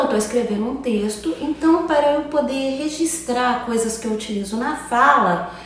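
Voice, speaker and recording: A woman's voice: a little high, recorded from a distance, slight background noise. A woman teaching an online grammar lesson in a chatty way, checking in with "tá?" after almost every phrase. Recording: echoey room, voice a bit off-mic.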